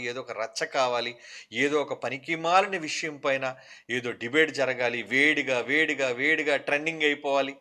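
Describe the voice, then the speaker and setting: A man's voice: on the high side, bright, forceful tone. A man preaching an impassioned sermon, firing rhetorical questions and scolding and pleading in turns.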